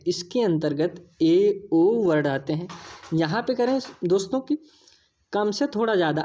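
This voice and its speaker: A woman's voice: on the low side, warm tone. A woman teaching an exam-prep lesson, explaining patiently, repeating key points and addressing viewers as friends.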